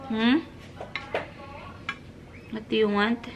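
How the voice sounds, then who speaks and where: Thirties mom vlogger from the Philippines, slow easygoing delivery, chatty and gentle. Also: female voice, a little high, steady tone, a little hiss or hum. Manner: chatty, mixes English into her talk, coos gently to her child. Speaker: family vlogger, mother. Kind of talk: casual vlog chat.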